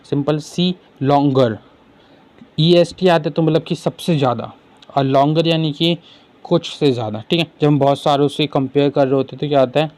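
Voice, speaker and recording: A man tutoring for an exam, who asks questions and answers them himself and reads English sentences slowly. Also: a little high, darkish tone. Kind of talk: explaining exam questions in Hindi with English terms.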